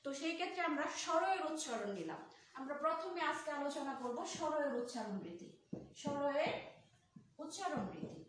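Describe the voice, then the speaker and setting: A high-pitched woman teaches a grammar class, putting questions to her students and then answering them herself. She says each key term slowly and more than once. Her voice sits away from the mic in a very echoey room with faint noise behind. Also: animated, a bit bright, distant mic. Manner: repeats key terms slowly. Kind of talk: Bangla grammar lesson.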